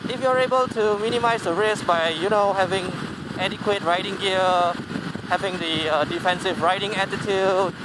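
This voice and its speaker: A man talking casually while riding a motorcycle on a highway, rambling with many fillers and restarts and the odd swear word, into a helmet mic. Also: normal speed. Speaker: motovlogger. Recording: loud road and wind noise. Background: loud road and engine noise.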